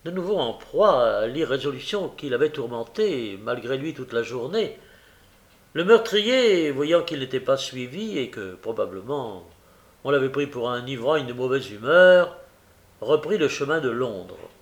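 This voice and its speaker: A man reading a novel aloud as narrator, measured, dropping low and quiet in the tense passages. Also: lively intonation. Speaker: audiobook narrator.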